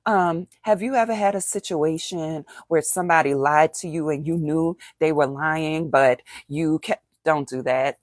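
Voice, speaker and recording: Low-voiced woman teaching, dry sound. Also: dry recording. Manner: conversational, explains with role-played example phrases and rhetorical questions. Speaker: author and coach. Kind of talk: teaching talk, acting out example dialogues.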